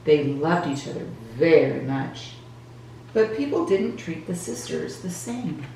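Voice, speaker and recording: Reading a children's picture book for a church Sunday school, a woman narrates from a script in a low register, slowly, expressively, and deliberately. The recording is very echoey and roomy, with a distant mic and faint noise.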